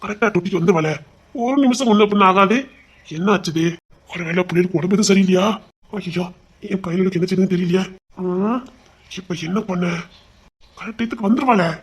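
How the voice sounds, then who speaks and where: A woman's voice: medium pitch, husky, close to an everyday voice. A woman with a Tirunelveli Tamil accent playing a stubborn, doting male police officer who coos at his baby in a comedy skit. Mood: worried. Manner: fast, soft cooing baby talk.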